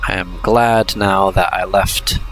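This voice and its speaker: A man giving casual let's-play commentary, thinking aloud in an unhurried way with hesitant asides. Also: low voice, fairly even intonation, a bit bright, soft background music. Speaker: gameplay commentator.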